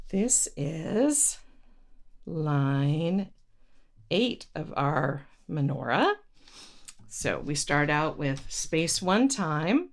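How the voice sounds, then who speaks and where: Female instructor, low and unhurried, patient step-by-step counting, noisy recording. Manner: patient, halting step-by-step delivery with self-corrections. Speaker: instructor giving step-by-step craft directions. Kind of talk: instructional lesson, counting aloud. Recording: noisy recording with paper rustle and clicks. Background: paper rustling and clicks.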